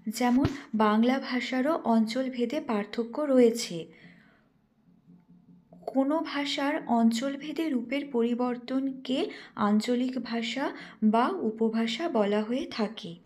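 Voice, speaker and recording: Young female trainee teacher, higher-pitched, measured didactic read-through of a lecture. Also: a little mellow. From West Bengal, India. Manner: careful and didactic, slows to spell out example words. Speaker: teacher trainee presenting a lesson. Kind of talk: read-aloud lesson presentation.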